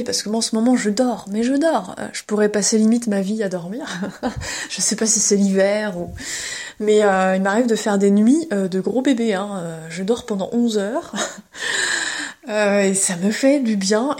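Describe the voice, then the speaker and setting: A woman hosting an unscripted podcast, talking casually with many fillers and small laughs while walking around her home. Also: mid-range voice. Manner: chatty, hesitant, many fillers and soft laughs. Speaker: podcast host.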